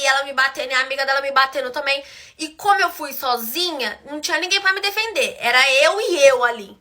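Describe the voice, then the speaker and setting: High, bright-voiced sassy Brazilian woman. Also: a little hiss or hum. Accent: Brazilian Portuguese. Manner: sassy, animated, talks straight to viewers. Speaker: storyteller. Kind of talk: casual storytelling video.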